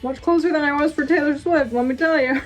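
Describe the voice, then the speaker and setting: Young female vlogger, chatty and giggly, higher voice, talks while eating, light music underneath. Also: fairly even intonation, a little fast. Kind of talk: casual chat reacting to old video.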